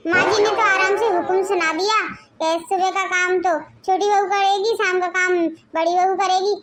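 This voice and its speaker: A scheming young wife who dodges her chores, voiced by a woman in a cartoon family drama. The voice sits very high, almost childlike, and turns whiny and theatrical whenever she plays for sympathy. A crowd murmurs faintly behind her. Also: fairly even intonation, moderate pace. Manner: whiny, melodramatic groaning when faking pain. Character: scheming lazy young wife, the elder daughter-in-law.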